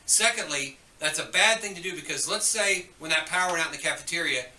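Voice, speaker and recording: A man's voice: on the high side, quick pace, sharp tone, reverberant, far from the mic. A man giving chatty, joking school morning announcements, turning stern when he scolds students, heard over the school intercom.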